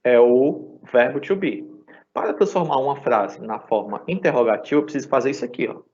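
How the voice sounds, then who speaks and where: A man's voice: medium pitch, fairly quick, a little mellow. A man with a Brazilian Portuguese accent teaching an English class live online, explaining patiently and checking in with the students often. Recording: dull lo-fi sound.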